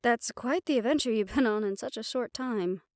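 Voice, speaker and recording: Her voice on the high side and at normal speed, a woman plays a ghost-befriending householder in an audio roleplay drama, calm, protective, gently firm and reassuring. The lightly acted performance has a thoughtful mood and clean studio sound with no room sound.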